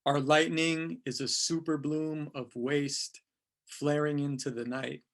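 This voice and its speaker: A man in his thirties from California, chatting casually and reading his poems slowly and deliberately. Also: on the high side, little pitch movement, a bit bright. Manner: slow, deliberate reading of verse. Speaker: poet, featured writer. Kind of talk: casual talk and poetry reading.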